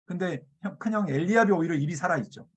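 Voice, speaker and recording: A male pastor preaching a sermon, acting out scripture characters' lines with shifting pitch and loudness. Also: fast, slightly rough, highs cut off. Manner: acts out biblical quotes with shifting pitch and loudness.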